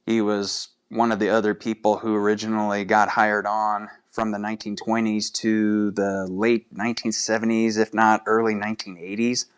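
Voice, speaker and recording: A man's voice: fairly low pitch, flat delivery, normal speed, few pauses, clear, resonant tone. A man hosting a casual solo show of fan trivia, chatty and putting questions straight to his listeners. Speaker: podcast host.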